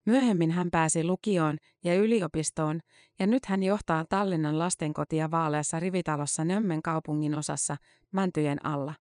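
A narrator giving a scripted reading of a long-form news article, with an even, measured delivery of dates and figures. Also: mid-range voice, no echo, studio quality.

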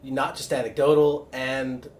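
A man's voice: medium pitch, flat delivery, unhurried. A man in casual chat, explaining his point earnestly.

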